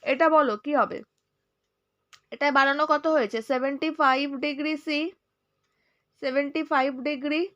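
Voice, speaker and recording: Bengali lady teaching science, highish voice, kinda soft cuz she's not well, muffled lo-fi audio. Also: steady tone, a little slow, pauses often. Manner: reads questions aloud, then explains step by step with checking questions. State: slightly unwell, speaking softly. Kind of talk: explaining a science lesson.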